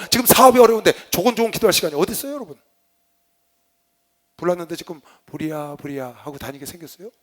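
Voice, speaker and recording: A man, a pastor giving a Bible lecture sermon, fervently swinging between loud exhortation and quiet asides. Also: fairly high pitch. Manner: tells personal stories with laughter.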